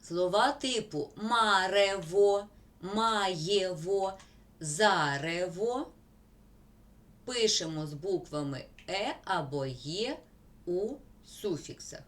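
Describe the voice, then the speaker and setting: Slow, lively-voiced woman teacher. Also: mid-range voice. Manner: slow, deliberate dictation of word examples. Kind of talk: school grammar lesson.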